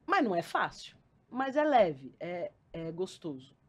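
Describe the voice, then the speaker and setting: A woman who gives lectures in schools, speaking as a podcast guest in casual conversation and telling stories in a lively, slangy way. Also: fairly low pitch, unhurried, breathy edge. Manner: lively, slangy storytelling with acted-out quotes.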